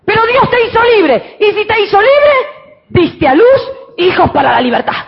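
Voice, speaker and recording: A woman pastor with a Rioplatense Spanish accent preaching a fervent sermon, switching between shouted exclamations and quiet, intimate counsel. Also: extremely high pitch, big pitch swings, normal speed, vocal fry, highs cut off, background noise.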